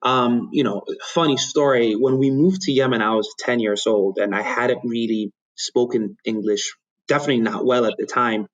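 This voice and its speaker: Ethiopian-born man, measured and thoughtful. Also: mid-range voice, steady tone, muffled recording. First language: Amharic. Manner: thoughtful, measured, with frequent restarts. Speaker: guest. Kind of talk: conversational interview.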